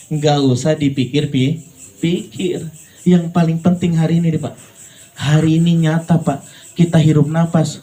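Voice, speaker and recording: A man preaching a lively, joking sermon, talking straight to the congregation and swinging between playful high voices and low earnest tones. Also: poor audio. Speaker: Islamic preacher.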